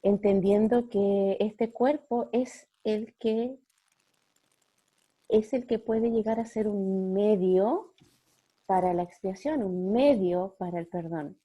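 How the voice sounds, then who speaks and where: Slow gentle husky woman. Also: mid-range voice, dull audio. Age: middle-aged. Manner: gentle, slow, with frequent "¿ya?" checks. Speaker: speaker at a spiritual talk. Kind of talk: spiritual group talk.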